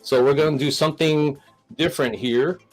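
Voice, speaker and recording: A man's voice: fairly high pitch, steady tone, normal speed, darkish tone, soft background music, rough recording. A man hosting a live stream, talking casually with many restarts and a nervous laugh.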